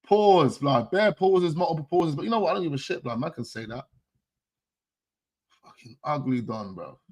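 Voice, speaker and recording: A man's voice: a little high, animated, moderate pace, darkish tone, slightly rough. A man hosting a casual live-stream chat, slangy, loose and jokey, laughing often. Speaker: host of a fan channel stream.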